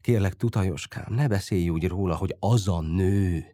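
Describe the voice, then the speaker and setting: A man's voice: low-pitched, mellow, no room sound, clean studio sound, lightly acted. A man voicing Bütyök, an earnest lovesick teenage boy. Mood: earnest, hurt.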